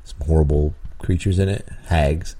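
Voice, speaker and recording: With a very deep, dark voice and fairly even intonation, this man talks at a normal pace on his podcast. He's a dungeon master sharing tabletop tips in a loose, rambling way, with frequent chuckles, ums, and restarts.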